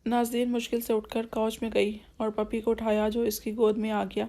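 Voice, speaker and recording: Gravelly, even-voiced woman narrating a novel. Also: fairly high pitch. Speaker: audiobook narrator.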